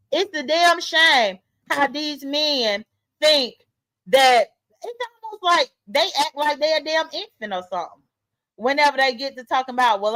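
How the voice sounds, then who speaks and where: Woman in her late 30s, high voice, blunt and emphatic, vlog commentary. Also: a bit bright, rough recording. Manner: emphatic, blunt, talks straight to viewers. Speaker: vlogger. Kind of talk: casual commentary monologue.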